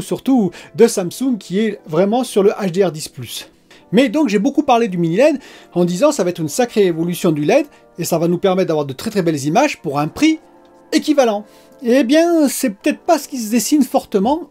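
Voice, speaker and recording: A man's voice: high voice, mellow. A middle-aged man giving a casual, chatty solo review as a gaming and tech vlogger, full of asides and fillers.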